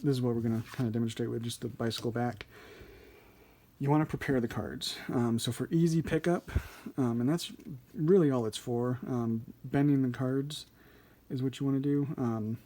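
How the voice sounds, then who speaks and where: A man's voice: mid-range voice, fairly even intonation, moderate pace, warm tone. A man giving a casual hands-on tutorial as an instructor, informal and a little hesitant, thinking aloud as he explains. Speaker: card trick instructor.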